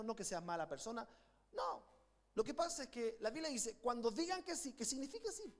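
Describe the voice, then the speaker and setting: A middle-aged man with a Chilean accent, preaching a sermon with passion and calling his congregation to repeat after him. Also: extremely high pitch. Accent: Chilean Spanish. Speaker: pastor. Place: church sanctuary.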